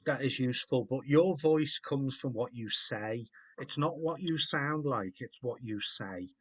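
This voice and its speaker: A man's voice: mid-range voice, unhurried, breathy edge. A man hosting a video call, rambling and encouraging, often repeating words. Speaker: host. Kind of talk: casual chat. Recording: muffled video call audio.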